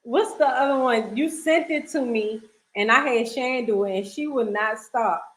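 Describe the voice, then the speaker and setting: A woman's voice: on the high side, moderate pace, low-quality recording. A woman co-hosting a casual podcast chat, laughing as she stumbles through tongue twisters. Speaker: podcast co-host.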